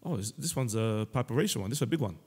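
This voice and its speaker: A man hosting a casual comedic podcast chat, teasing his guest and telling animated stories. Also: medium pitch, rapid-fire, slightly rough. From Senegal. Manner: playful, teasing, animated storytelling. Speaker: podcast host. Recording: roomy long reverb.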